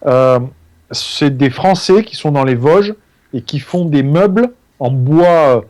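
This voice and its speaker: A man's voice: fairly high pitch, lively intonation, slow, a little mellow. A man co-hosting a casual tech chat, laid-back and drily teasing. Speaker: co-host.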